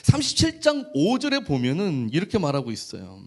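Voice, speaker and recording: A male pastor preaching a sermon, telling a Bible story with animated storytelling and rhetorical questions to the congregation. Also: a little high, a little fast.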